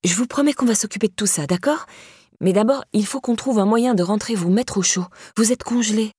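A woman reading an audiobook voices a blunt, streetwise young woman who swears but looks after a stranger, in a raised, breathy voice. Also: medium pitch, brisk, a little mellow, no room sound, studio quality. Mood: caring. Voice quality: brash, exclaiming, swearing.

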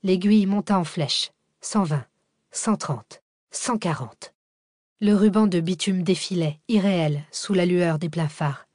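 A woman narrating a thriller audiobook in a steady, measured reading. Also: fairly low pitch, dry recording, clean studio sound. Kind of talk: scripted narration.

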